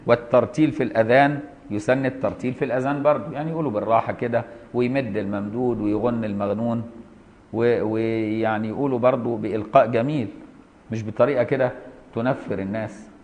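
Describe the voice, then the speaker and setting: A middle-aged man with an Egyptian Arabic accent teaching an Islamic jurisprudence lesson, switching between formally reading a text and lively colloquial explanation, checking in with his students. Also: medium pitch, fast talker. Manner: asks students rhetorical checks. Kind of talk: classroom lesson on a commentary text.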